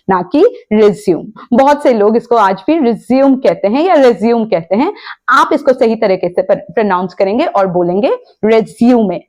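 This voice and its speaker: A woman's voice: on the high side, darkish tone. A woman teaching pronunciation in a patient lesson, spelling words out letter by letter and repeating each correction. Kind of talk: explanatory lesson.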